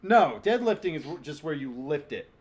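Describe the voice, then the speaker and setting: A man's voice: on the high side, big pitch swings, moderate pace. A young man co-hosting a podcast, chatting casually in a blunt, playful way. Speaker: podcast co-host. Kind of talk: casual chat.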